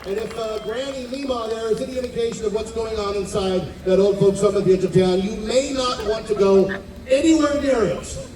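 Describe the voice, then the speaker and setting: A man's voice: high voice, fairly even intonation, brisk, distant mic. A man hosting a live stage event in a theatrical showman's manner. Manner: theatrical showman, alliterative patter. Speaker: event host. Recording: echoey PA from afar, loud music, crowd.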